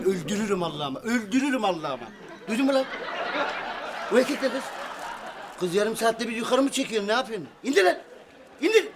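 An actor playing a hot-tempered middle-aged husband who shouts blustering threats in coarse slang. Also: male voice, high-pitched. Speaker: sitcom actor. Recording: studio audience laughter behind.

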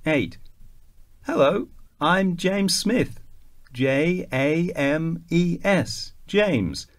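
A man reading a self-introduction for a listening exercise, spelling out his name clearly. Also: fairly high pitch, lively intonation. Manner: slow, clearly enunciated, spells out names. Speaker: exam recording reader.

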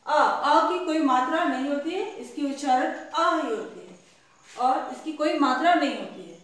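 A woman's voice: high voice, unhurried, fairly bright tone, very echoey. A woman teaching young children, asking each question and then answering it herself. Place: classroom.

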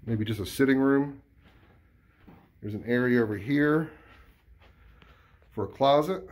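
With a mid-range voice and a slightly slow delivery, a male real estate agent walks through a vacant house narrating the tour. He's relaxed and informal, with small self-corrections, and his handheld phone camera captures echoey empty rooms and faint background noise.

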